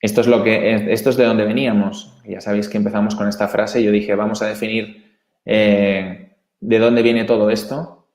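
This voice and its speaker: A man's voice: fairly low pitch, flat delivery, moderate pace, darkish tone, reverberant. A man with a Spanish accent from Spain, explaining slides in an earnest, emphatic way with many restarts. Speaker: presenter.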